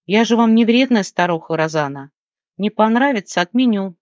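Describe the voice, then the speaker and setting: A reader voicing a kindly, motherly high fairy who grumbles fondly at young people in a fantasy audiobook, recorded dry and somewhat dull. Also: expressive, normal speed, dry recording, lightly acted. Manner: grumbling but warm, calls others "child". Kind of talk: audiobook character reading.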